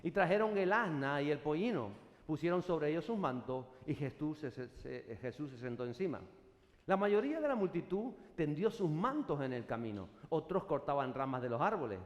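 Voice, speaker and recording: A man preaching a sermon to his congregation, now and then breaking into loud shouted acclamations. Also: fairly high pitch, sing-song, moderate pace. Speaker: pastor. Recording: echoey hall, long reverb.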